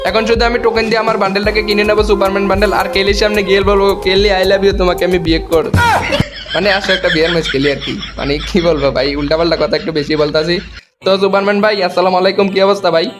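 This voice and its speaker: A young gaming YouTuber with a Comilla Bengali accent races through gameplay commentary in a high, bright voice, hardly pausing for breath. Excitable and joking, he taunts the opponents he meets while game music plays loudly behind him.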